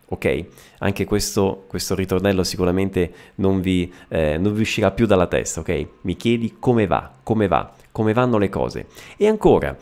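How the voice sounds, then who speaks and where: A man with a lowish voice gives a language lesson. His pitch swings widely as he explains. He repeats key phrases slowly and checks in with his listeners. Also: darkish tone. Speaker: Italian teacher. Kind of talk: language lesson for Portuguese speakers.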